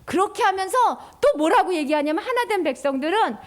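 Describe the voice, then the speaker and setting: A woman minister giving an animated children's sermon, sing-song and sometimes dropping to a whisper. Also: extremely high pitch, a little fast.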